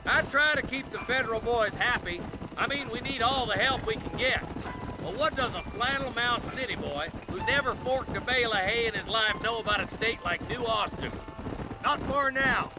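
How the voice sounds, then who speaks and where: A gruff posse-leading marshal. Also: male voice, very high-pitched, normal speed, background noise. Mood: commanding. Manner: commanding, plain-spoken.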